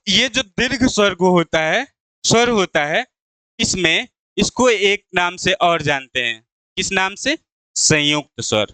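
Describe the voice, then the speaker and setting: A male Hindi teacher gives an exam-prep lesson in a high, clear, smooth voice. He talks slowly and patiently, poses each question and answers it himself. The sound is dry and close. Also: sharp tone, dry recording. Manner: repeats key terms slowly; addresses viewers as "friends".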